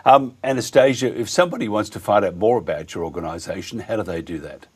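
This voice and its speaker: A man hosting a conversational radio interview, speaking in a halting, rambling, opinionated way. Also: lowish voice, slightly rough. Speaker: radio host.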